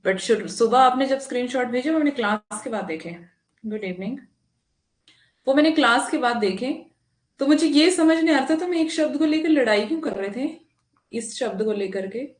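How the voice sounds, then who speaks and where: A woman's voice: high voice, animated, normal speed, roomy sound. A woman teacher talking to students in a live online class, indignant and emphatic, with frequent tag questions. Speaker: online Hindi exam teacher.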